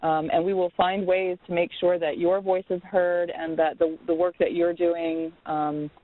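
A program coordinator calling in remotely, heard over a cell phone line, giving slow, pause-filled welcome remarks on a webinar call. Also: mid-range voice, flat delivery, dry recording.

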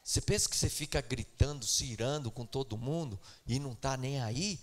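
A man from Brazil preaching a sermon in church, moving between soft asides and loud, repeated outbursts. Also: medium pitch, fairly quick. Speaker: pastor. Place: church sanctuary.

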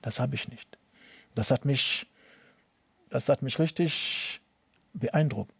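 Gravelly Cameroonian-born man, halting German. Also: mid-range voice, no echo. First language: not German. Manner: halting, repeats words, broken German. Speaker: interviewee, tennis coach. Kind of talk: personal testimony interview.

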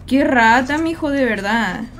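A young Mexican woman livestreaming a game, talking to her chat in quick, slangy Spanish-flavored banter and teasing the viewers she greets. Her voice sits high. A faint hiss of noise runs underneath. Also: expressive, a bit bright. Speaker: streamer. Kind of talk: casual gaming livestream chat.

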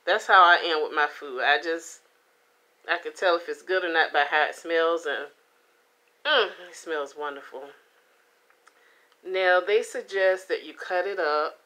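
A middle-aged woman chatting casually to the camera as she reviews food at home, with an unhurried manner. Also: deep voice, bright, forceful tone. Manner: unhurried, talking between bites with pauses and mm sounds. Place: indoors, small home room. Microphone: camera or phone at about arm's length.

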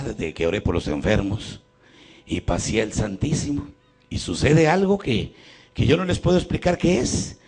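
A man's voice: medium pitch, vocal fry, a little mellow, breathy edge. A man with a Mexican Spanish accent, a priest telling a folksy, joking story in a sermon at a church healing retreat.

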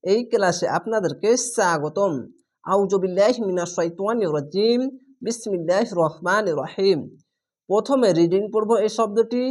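Man slowly spelling out Quran recitation. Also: sits high, darkish tone. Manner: slow, drawn-out syllable-by-syllable spelling of Arabic words. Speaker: Quran reading teacher.

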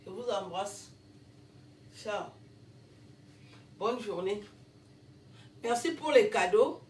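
Woman doing a chill unboxing vlog, slow talker, lots of wows and thank-yous, sounds far off the mic. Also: medium pitch, lively intonation, a little hiss or hum. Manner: exclaims often, thanks warmly and repeatedly. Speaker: vlogger and comedian. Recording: roomy echo, voice away from the mic.

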